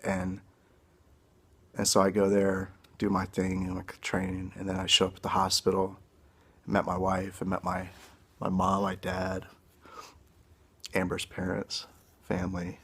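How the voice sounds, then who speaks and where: Earnest young man with a gravelly voice. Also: low-pitched, monotone. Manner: earnest, halting and emotional. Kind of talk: emotional personal testimony. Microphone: phone camera.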